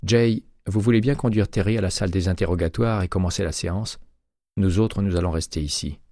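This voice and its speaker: A man voicing a pragmatic male police captain who speaks briskly to calm others down. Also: deep voice, dry recording, studio quality, voice pushed up, lightly acted. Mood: placating.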